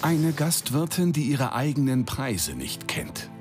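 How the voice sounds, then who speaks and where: A man's voice: mid-range voice, very animated, measured pace. A man narrating a reality TV show with ironic, dramatic scripted voice-over. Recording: music under voice-over.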